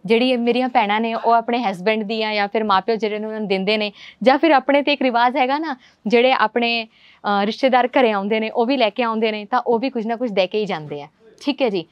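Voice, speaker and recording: Chatty, reassuring woman with a higher voice. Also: no room sound. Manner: chatty, reassuring, direct address. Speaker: company presenter. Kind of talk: promotional talk to camera. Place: large clothing showroom indoors.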